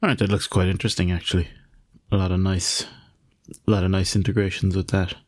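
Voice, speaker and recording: A man's voice: low-pitched, level tone, fast, darkish tone, no room sound, studio quality. A man co-hosting a casual tech podcast, asking short follow-up questions. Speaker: podcast co-host.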